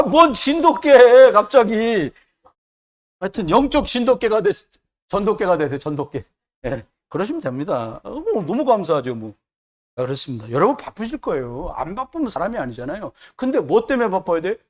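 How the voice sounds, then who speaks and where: A man preaching a sermon as pastor, emphatic and repetitive, with joking asides. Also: sits high.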